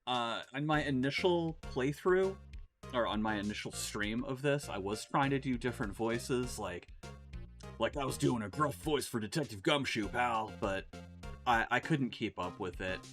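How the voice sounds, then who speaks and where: A man's voice: mid-range voice, lively intonation, normal speed, a bit bright. A man streaming a game, chatting casually and rambling between laughs. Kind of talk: casual let's-play commentary. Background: game music.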